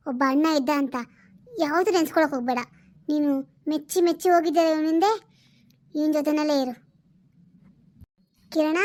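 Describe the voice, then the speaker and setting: A woman playing a very high-voiced tearful young wife. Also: darkish tone, close to an everyday voice. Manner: pleading, weepy, emotional. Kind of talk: comedy skit acting.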